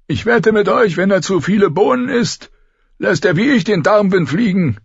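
A man voicing a scheming, spiteful old lord in an audiobook, with a shrill, gravelly cackle and a sneering, taunting manner. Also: animated, moderate pace, dry recording, highs cut off, full character voice. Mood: mocking. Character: scheming ancient male lord, spiteful and mocking. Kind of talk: audiobook character voice.

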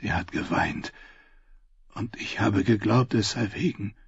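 A man voicing a frightened captive lord who speaks hesitantly and quietly. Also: fairly low pitch, a little slow, vocal fry, slightly rough, dry recording, muffled recording, heavily acted. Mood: subdued. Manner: hesitant, subdued.

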